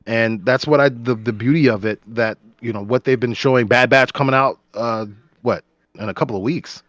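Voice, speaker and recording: A man co-hosting a podcast in casual chat, excitable and rambling with lots of restarts. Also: medium pitch, moderate pace, no room sound, lo-fi sound. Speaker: podcast co-host.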